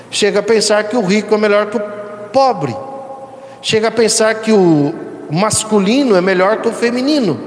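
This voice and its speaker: A man with a Brazilian accent leading a spiritist discussion, emphatic and repeating phrases, often correcting himself mid-sentence. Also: sits high. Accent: Brazilian Portuguese. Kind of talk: reflective discussion. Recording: echoey room with long reverb.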